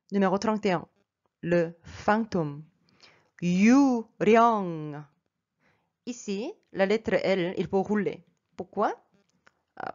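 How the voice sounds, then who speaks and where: A woman teaching a vocabulary lesson, patiently explaining pronunciation step by step and repeating each word slowly. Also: medium pitch, darkish tone. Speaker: language teacher. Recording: dull lo-fi sound.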